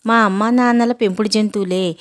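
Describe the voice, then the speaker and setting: A woman voicing a sharp-tongued young female student who talks in a snappish, mocking way. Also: medium pitch, fairly even intonation, a little fast, dry recording, clean studio sound, lightly acted.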